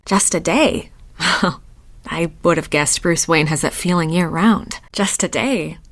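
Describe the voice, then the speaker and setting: In a lowish, unhurried voice, a woman acts out conversational game dialogue as a knowing, teasing society guest at a party, wry and flirtatious.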